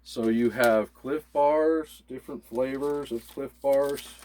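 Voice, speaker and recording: With slight noise in the background, a man with a lowish, darkish voice co-hosts a prepping channel video. His demonstration of supplies is casual and proceeds step by step.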